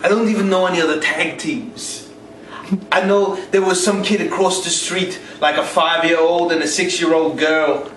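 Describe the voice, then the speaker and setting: A man's voice: fairly high pitch, steady tone, normal speed, a bit bright, close to an everyday voice. Man playing a brash wrestler cutting a promo, echoey. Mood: mock-pompous. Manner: mock-pompous, theatrical, foul-mouthed. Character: brash, crude, boastful male pro wrestler. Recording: echoey, distant mic with hiss.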